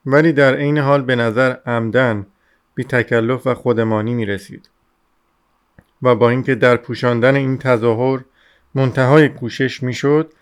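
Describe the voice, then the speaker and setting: A man narrating a novel as an audiobook in a measured, steady reading. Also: mid-range voice, clear, resonant tone.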